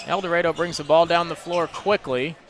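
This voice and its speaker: A man doing rapid play-by-play for high school basketball on radio, chatting with his co-hosts between plays. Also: fairly even intonation, slight background noise. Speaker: play-by-play announcer.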